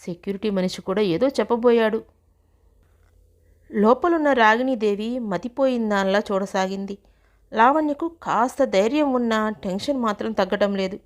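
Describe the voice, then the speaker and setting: A woman reading a story aloud in a steady, descriptive narrating manner. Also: medium pitch, moderate pace.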